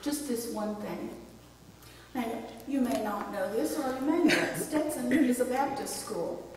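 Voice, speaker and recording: A woman's voice: on the high side, expressive, a little slow, heavy background noise. An older woman pastor preaching a sermon, telling a personal story in a reflective way and leading the congregation in prayer. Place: church sanctuary. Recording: echoey church hall, distant mic.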